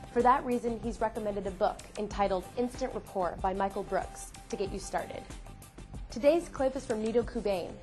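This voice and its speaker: A woman co-hosting a show who reads a smooth, scripted introduction of a guest. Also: mid-range voice, darkish tone. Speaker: co-host.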